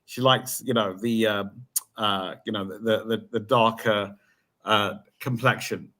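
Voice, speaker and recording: A man's voice: on the low side, fairly even intonation, measured pace, sharp tone. Chatty man, lots of "you know". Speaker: podcast co-host. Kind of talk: casual review discussion.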